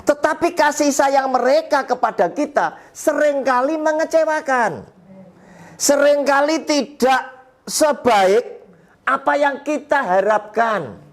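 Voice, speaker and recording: Older pastor guy, slow folksy sermon, high voice, laughs a lot. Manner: folksy, mixes in Javanese, chuckles often. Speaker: preacher. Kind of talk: sermon to an elderly Bible study group.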